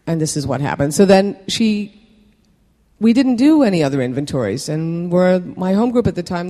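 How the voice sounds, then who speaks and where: Sharing his recovery journey with a meeting, the man speaks openly and pokes fun at himself, his speech halting and full of fillers. His voice is slightly mellow and a bit higher than most men's, echoing with the hall's long reverb.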